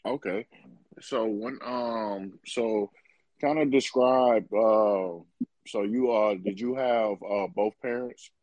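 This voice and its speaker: A man hosting a podcast, asking loose, relaxed questions with many fillers in a casual interview. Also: lowish voice, slow, no echo, rough recording. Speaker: podcast host.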